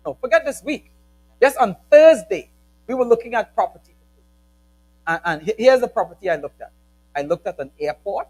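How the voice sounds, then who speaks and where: A middle-aged man, a pastor, speaking emphatically and telling animated stories during a church panel discussion. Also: high-pitched, poor audio. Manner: energetic, emphatic, animated storytelling.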